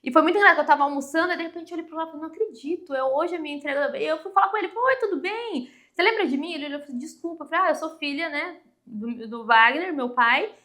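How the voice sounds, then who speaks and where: A woman's voice: sits high, very fast. A woman in her thirties from Brazil, telling a personal story as a podcast guest and acting out the voices of the people in it. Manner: animated, acts out dialogue in quoted voices.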